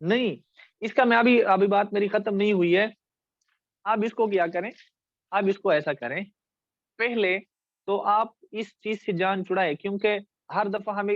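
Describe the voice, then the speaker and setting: A man with a Pakistani Urdu accent gives a classroom lecture in a high voice, and the sound is dry and close. He often stops to ask his students whether they follow, and he draws words out slowly to show their syllables. The recording is a little dull and muffled. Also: dry recording. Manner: addresses students directly, checks understanding. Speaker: teacher. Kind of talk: classroom lecture on essay writing.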